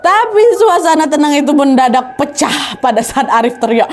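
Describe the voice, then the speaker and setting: A woman casually telling a horror story to a friend, acting out the panicked shouts of the people in it. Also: high voice, moderate pace. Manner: lively, animated, acts out the characters' panicked shouts.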